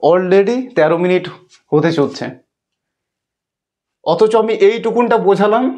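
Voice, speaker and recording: A man's voice: high-pitched, unhurried, darkish tone. A man teaching an English lesson to children, explaining step by step and checking in with "okay".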